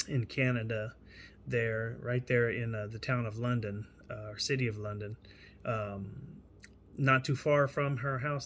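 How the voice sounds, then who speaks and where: A man's voice: medium pitch, a bit bright, slight background noise. A man, an evangelist, giving an indignant, preachy rant in a commentary vlog.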